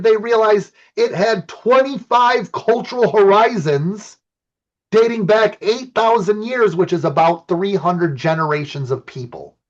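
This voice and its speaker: A fairly high-voiced man, from Illinois, lecturing about archaeology with enthusiastic, chatty storytelling. His voice comes through a computer mic on a video call. The audio is dull and lo-fi. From Illinois, USA. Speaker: archaeologist giving a talk. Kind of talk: lecture with personal anecdotes.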